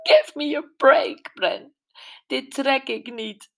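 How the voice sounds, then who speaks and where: A woman doing a shrill, furious jilted wife. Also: wildly swooping pitch, takes it slowly, gravelly, exaggerated voice. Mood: upset, indignant. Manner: shrill, agitated and indignant. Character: upset, bitter woman, furious at her ex.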